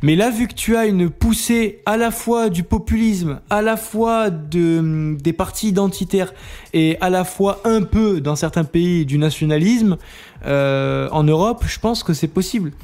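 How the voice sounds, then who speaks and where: A man's voice: high voice, unhurried, darkish tone. A man in casual heated debate on a live show, stumbling over restarts and fillers. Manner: hesitant, many restarts and fillers. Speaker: guest on a live talk show.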